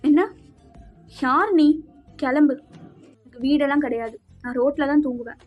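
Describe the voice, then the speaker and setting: Woman playing a wounded, defiant young wife in a fan audio drama, high-pitched, slightly muffled. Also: steady tone, normal speed, close to an everyday voice. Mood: hurt, defiant. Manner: defiant, loud and hurt. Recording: slightly dull with faint music.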